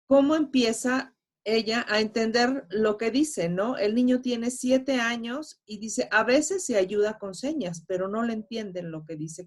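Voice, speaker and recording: A woman moderating a webinar, reading out audience questions in an encouraging, conversational way. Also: on the high side.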